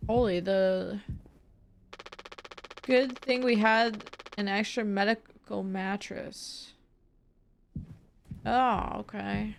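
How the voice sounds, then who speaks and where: A young woman playing a game on stream, reacting excitably, swearing freely and reading the game's text aloud. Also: mid-range voice, drawn-out words, vocal fry, long pauses, a little hiss or hum. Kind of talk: casual let's-play commentary.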